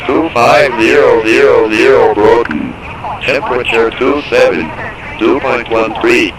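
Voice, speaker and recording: Automated airport weather broadcast: even mid pitch, monotone readout, radio feed buried in loud background noise. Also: male voice, poor audio. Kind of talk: monotone recorded information readout.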